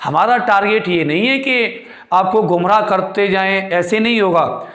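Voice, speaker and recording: Male tutor, high voice, quizzing style, roomy echo. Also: unhurried, a bit bright. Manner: repeats points, quizzes students with questions; calls students "beti" and "chhote" fondly. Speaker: Hindi grammar teacher. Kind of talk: classroom lecture.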